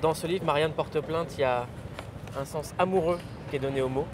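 Tv host guy, kinda high voice, noisy background, asks lively questions. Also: fairly quick. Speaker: talk show host. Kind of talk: studio interview.

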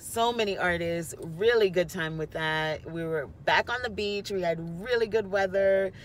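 A woman's voice: medium pitch, moderate pace. Tipsy woman ranting casually, faint noise. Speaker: event vlogger. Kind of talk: casual chat, rant. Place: inside a car at night. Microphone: phone at arm's length.

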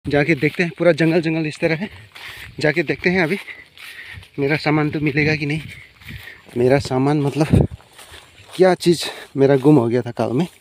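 A young man narrates his fishing trip in a chatty, high voice, talking straight to his viewers. He is outdoors beside a rural pond and speaks into a handheld camera. His delivery is relaxed vlog chat. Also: normal speed, pauses often, a little hiss or hum. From Assam, India. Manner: chatty, addresses viewers directly. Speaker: fishing vlogger.

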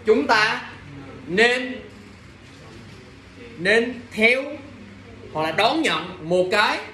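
A man's voice: high-pitched, animated, very slow, bright, forceful tone, a little hiss or hum. A young man teaching English vocabulary in class, drilling pronunciation and quizzing students with exasperated asides. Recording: echoey classroom from a distance.

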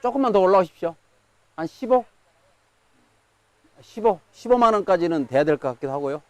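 A man's voice: high voice, expressive, brisk, a little mellow, no room sound. A man working as a live auctioneer, calling out bids, counts and sales in auction patter.

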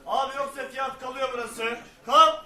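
A man's voice: extremely high pitch, fairly even intonation, moderate pace, pushed and bright. A man working as an auctioneer, calling out and repeating bids in insistent patter. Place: echoey auction room with crowd and birds. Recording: echoey hall, distant mic, crowd and birds.

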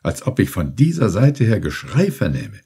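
A man voicing an excited male sailor who calls out urgently in a raised voice. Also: deep voice, normal speed, slightly rough, heavily acted.

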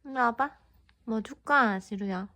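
A woman's voice: fairly high pitch, a little slow, pushed and bright. A woman talking to a dog in a coaxing, cooing way, with short repeated questions and casual commands. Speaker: pet owner.

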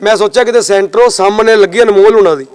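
A man's voice: sits high, fast, clean tone. A man giving reporters an agitated complaint about a neighbour quarrel outdoors. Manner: agitated, retells quarrels with quoted speech.

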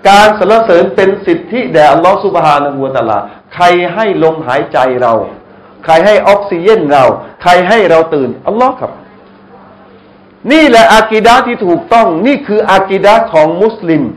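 A middle-aged man giving a lively sermon to a live audience, often asking them questions and joking. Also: sits high, rough recording. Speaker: Islamic lecturer. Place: restaurant hall, live audience.

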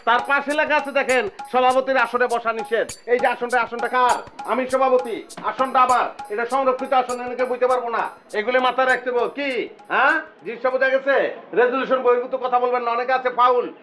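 A pompous know-it-all teacher. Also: male voice, very high voice, steady tone, brisk, bright, forceful tone, faint music behind. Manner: pompous, lecturing, keeps asking "understood?". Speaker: self-styled teacher lecturing at a tea stall. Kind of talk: TV comedy drama acting.

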